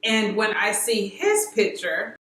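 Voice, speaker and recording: A woman's voice: mid-range voice, slow pace, a little hiss or hum. Chatty woman telling a story, echoey room. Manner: animated, acts out quotes with filler words. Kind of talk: casual storytelling chat.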